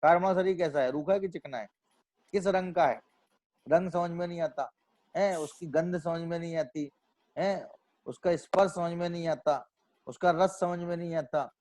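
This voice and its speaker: A man's voice: fairly high pitch, normal speed, a little mellow. A man giving a religious lecture on scripture, asking rhetorical questions and then answering them himself, often restating his points. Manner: repeats and restates phrases as he reasons aloud. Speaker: Jain scholar lecturing on scripture.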